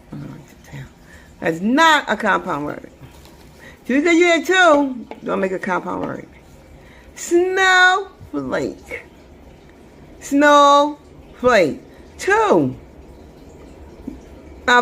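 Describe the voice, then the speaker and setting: A woman teaching a phonics lesson, sounding words out slowly and repeating them, with casual grammar. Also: on the high side, creaky, fairly bright tone. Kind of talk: slow, drawn-out phonics lesson.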